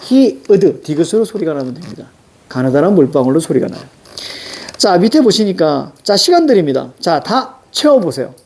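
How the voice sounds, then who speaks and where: Animated Seoul-accented male teacher. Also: fairly high pitch, fairly quick, a little hiss or hum. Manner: animated, repeats cue words, jokes with students. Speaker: Korean language teacher. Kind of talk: lively classroom lecture.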